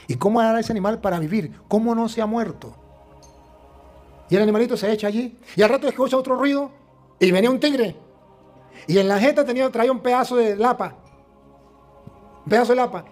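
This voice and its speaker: A Venezuelan man preaches in a notably high voice, slipping into the voices of his story's characters. He fires questions at his listeners. Soft music runs faintly in the background. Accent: Venezuelan Spanish. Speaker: priest. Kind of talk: sermon.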